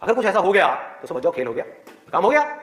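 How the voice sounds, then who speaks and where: Fast, high-voiced man giving a pep talk. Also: reverberant. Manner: rhetorical questions, lively and persuasive. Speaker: biology teacher. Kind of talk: motivational talk to students.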